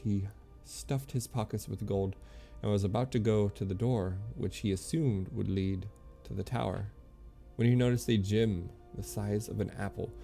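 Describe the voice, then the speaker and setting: On a stream, a man with a low, gravelly voice reads game lore aloud in a mellow, dark tone. His reading is halting, and he stumbles over words and corrects himself as he goes.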